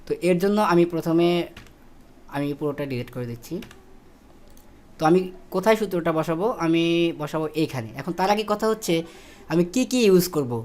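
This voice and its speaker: A man's voice: a little high, animated, fairly quick, pauses often, darkish tone. Tutorial voice-over: a man walking through spreadsheet steps, with fillers and self-corrections. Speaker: instructor. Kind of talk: screen-recorded spreadsheet tutorial.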